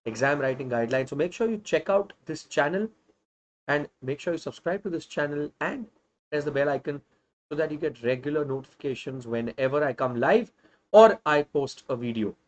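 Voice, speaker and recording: A man's voice: a little high, poor audio. A man in his thirties with a North Indian accent, giving an emphatic live revision lecture to students as an online teacher. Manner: emphatic, interjects Hindi phrases. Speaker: online social science teacher.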